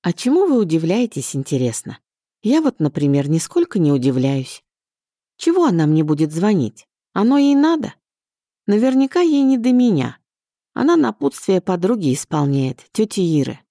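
A stubborn young woman in an audiobook, arguing in a bright, bouncy way, as a woman reads her. The lines jump up in pitch and stay lively. The reading is close and dry. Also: normal speed, no room sound. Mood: teasing. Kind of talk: audiobook character voice.

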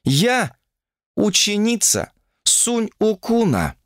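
A fed-up young woman protests shrilly, her voice jumping high with outrage, as a man reading an audiobook puts her on. Her delivery is lively and full of swings, and the recording is close and dry. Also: takes it slowly, no echo, full character voice. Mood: exasperated. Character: indignant young woman graduate student.

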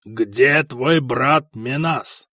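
A man voicing a cruel, imperious bearded prefect who speaks in a booming, commanding voice. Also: lively intonation, normal speed, no echo, clean studio sound.

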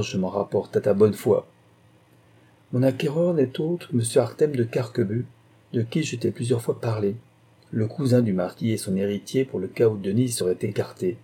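A man's voice: lowish voice, dark tone, slightly rough. A man reading as a scheming, wheedling wife. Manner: wheedling, mocking, calculating. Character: scheming sly wife writing a letter.

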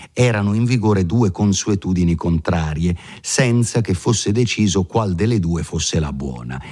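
A man reading a classic novel aloud in a measured, expressive way. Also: deep voice, slightly rough. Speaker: audiobook reader. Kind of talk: scripted literary reading.

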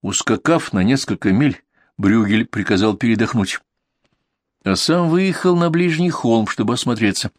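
A man reading a historical war novel aloud as an audiobook narrator, in a measured, steady storytelling manner. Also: medium pitch, dry recording, clean studio sound. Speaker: audiobook reader. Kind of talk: scripted narration of historical prose.

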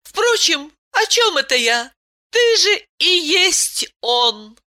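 A tender, teasing otherworldly wife speaks in a high, lilting audiobook voice, put on by a woman narrator. Her cooing lines wander widely in pitch and move slowly. The tone stays bright and clear. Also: sing-song, full character voice. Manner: soft cooing, playful. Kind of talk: audiobook character reading.

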